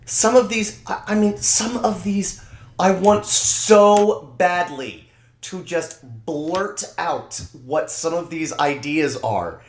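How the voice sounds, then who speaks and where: A man co-hosting a podcast, talking in an excitable, animated way with many restarts. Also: high voice, takes it slowly, reverberant, a little hiss or hum. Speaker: podcast co-host. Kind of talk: casual chat.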